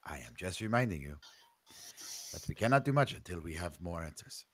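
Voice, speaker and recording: Male player, low-pitched, quick, wisecracking banter. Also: sing-song, fairly bright tone, slight background noise. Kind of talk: casual tabletop chat.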